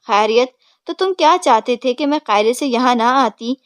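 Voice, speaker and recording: A woman's voice: on the high side, clear, resonant tone, no echo, close to an everyday voice. A woman voicing a fierce, doting older mother who scolds her husband in an angry tone. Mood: scolding.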